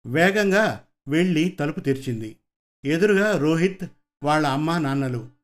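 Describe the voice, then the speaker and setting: A man reading a story aloud in a steady, measured way. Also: a little high. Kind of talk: scripted story narration.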